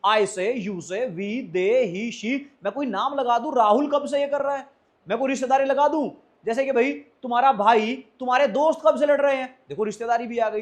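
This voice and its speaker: A man teaching spoken to a class, who drills his students with repeated questions and slows way down on the phrases he models. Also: high-pitched. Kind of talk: classroom lesson.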